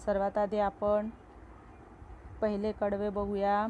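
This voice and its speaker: A woman's voice: medium pitch, monotone, warm tone. A woman teacher explaining a children's poem, asking the class questions and answering them herself. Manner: slow, patient, asks questions then answers them. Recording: slightly dull lo-fi recording with faint noise.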